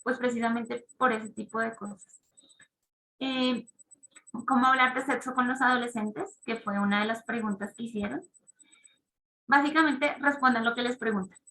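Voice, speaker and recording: A woman talks parents through an idea in a bright, fairly high voice. She explains step by step and keeps checking in with her listeners. The sound rings a little in an echoey room. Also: fairly even intonation, moderate pace, pauses often. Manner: conversational, explanatory, asks the audience questions. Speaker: parenting talk speaker. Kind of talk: online parent talk.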